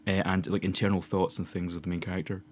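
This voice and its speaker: Speaking fast in a low, flat voice, a twenty-something man from Glasgow co-hosts a casual podcast, wandering off topic and laughing a lot. A little background noise can be heard.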